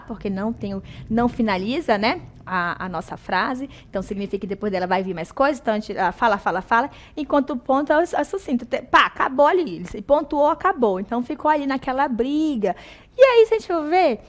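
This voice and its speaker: A woman with a Brazilian accent teaches a video class, explaining points in a chatty, conversational way. She keeps checking in with her students through short tag questions. Her voice sits slightly higher than most women's. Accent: Brazilian Portuguese.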